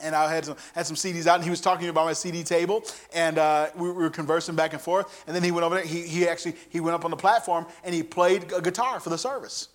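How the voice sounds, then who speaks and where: A high-pitched male preacher from the Midwest, telling stories in a sermon. He gets loud and excited, stumbling over repeated words, then drops to a hushed near-whisper to drive a point home. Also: fast talker, few pauses. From American Midwest. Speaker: traveling preacher. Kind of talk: sermon with storytelling.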